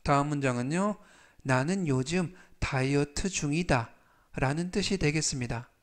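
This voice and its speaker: A man teaching English vocabulary in a formal, polite manner, slowly repeating each word and sentence three times for learners to follow. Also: a little high. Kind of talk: slow spoken English lesson.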